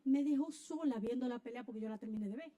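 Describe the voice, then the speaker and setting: A woman preaching a sermon, telling a personal story with lively acted-out scenes and sudden shouts. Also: fairly high pitch, quick pace, muffled recording. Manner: animated storyteller, acts out scenes, bursts into shouts. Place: church.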